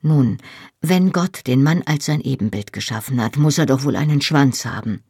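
A reader voicing a tender, teasing young Scottish husband in an audiobook, speaking softly and intimately, often in a whisper. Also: medium pitch, lively intonation, normal speed, slightly rough, no echo, studio quality. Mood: intimate, playful. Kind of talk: audiobook reading.

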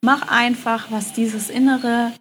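A woman speaking directly to the listener in a motivational self-love monologue, gentle and affirming, often repeating her phrases and dropping in a soft "ja". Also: fairly high pitch, little pitch movement, slow, a little hiss or hum. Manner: gentle, affirming, repetitive phrasing with many "ja" fillers.

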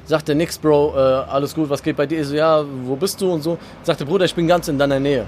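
A man's voice: on the high side, steady tone, fast, a little mellow, slight background noise. A young man co-hosting a podcast, telling a long story in casual chat, rambling with many fillers and acting out quoted dialogue. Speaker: podcast co-host.

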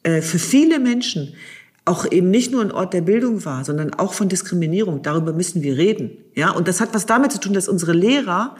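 A husky-voiced speaker arguing a point in an impassioned conversation. The delivery is emphatic and urgent, with key phrases repeated for weight. The pitch sits at a middling height. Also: lively intonation, fairly quick. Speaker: discussion partner.

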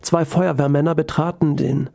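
Male narrator for a storybook read, calm, with a gravelly mellow tone. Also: on the high side, moderate pace.

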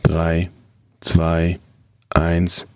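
Very deep, slow male relaxation guide. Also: smooth, no room sound, studio quality. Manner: calm, soothing, measured instruction with drawn-out commands. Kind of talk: scripted guided muscle relaxation narration.

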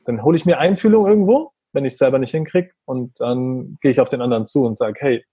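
A father talks earnestly and reflectively, in a conversational way, about how he treats his young son, acting out their exchanges. His medium-pitched voice is fast, mellow and slightly rough, with no echo.

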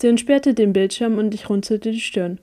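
A woman reads a first-person story aloud with an even, steady delivery. Her voice is warm and mellow, set at a middling pitch for a woman. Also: normal speed. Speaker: audiobook reader.

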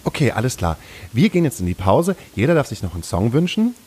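A man hosting a podcast in relaxed, joking chat with his guests. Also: mid-range voice, fast, slight background noise. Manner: joking, playful. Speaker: podcast host. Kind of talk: casual chat.

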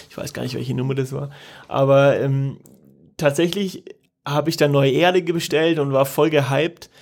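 A young man co-hosting a casual podcast, chatty and eager, telling a story with quick asides. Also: mid-range voice, creaky. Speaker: podcast co-host. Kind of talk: casual chat.

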